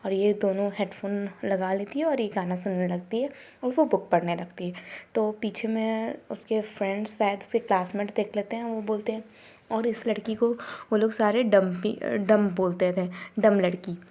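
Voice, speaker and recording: Woman casually telling a story off the cuff, warm mellow voice, lots of little pauses. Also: mid-range voice, steady tone. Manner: unscripted, hesitant, with frequent filler pauses. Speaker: drama recap narrator. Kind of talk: casual spoken plot retelling.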